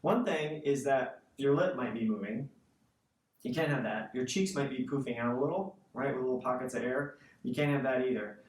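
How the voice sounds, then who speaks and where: A man's voice: mid-range voice, moderate pace, a little mellow. Man teaching, in a roomy distant recording. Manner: conversational, checks in with "right?". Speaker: woodwind instrument teacher. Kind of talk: casual instructional explanation of a practice exercise. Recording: roomy, distant mic, faint noise.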